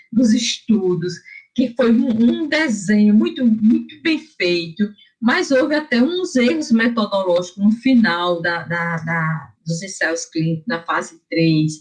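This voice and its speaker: A middle-aged woman physician from Brazil giving an academic lecture, explaining at length with frequent fillers and self-corrections. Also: medium pitch.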